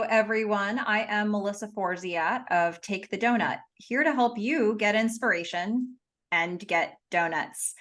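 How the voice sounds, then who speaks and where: A woman's voice: medium pitch, a bit bright. A woman hosting an interview as a motivational speaker, enthusiastic and upbeat. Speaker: host, motivational keynote speaker.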